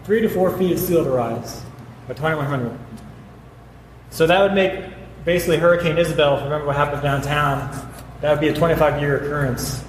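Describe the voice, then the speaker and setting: Earnest man speaking in an echoey hall. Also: a little high. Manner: earnest, fast, with restarts. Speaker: city council candidate. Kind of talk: debate speech. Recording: echoey hall with faint noise.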